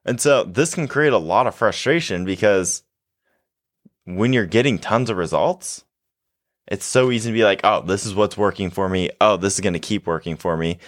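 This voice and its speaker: A man's voice: low voice, moderate pace, dry recording, clean studio sound. A young man hosting a podcast, reflecting casually and explaining his points through everyday analogies. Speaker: podcast host.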